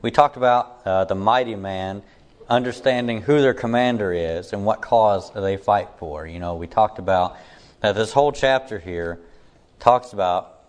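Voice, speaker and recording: A man leads a casual Bible lesson in a fairly low voice. He sounds slightly hoarse, as if still getting his voice back. He keeps a steady, level, near-monotone delivery. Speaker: Bible teacher.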